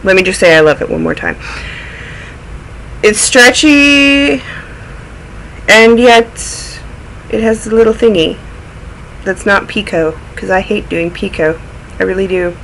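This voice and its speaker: Gravelly and a bit bright, his high-sitting voice keeps a measured pace with long pauses, recorded at low quality with a little hiss or hum. He's a man with a cold, sounding snuffly, hosting a casual knitting video podcast where he chats about projects and wanders off on tangents in a show-and-tell manner.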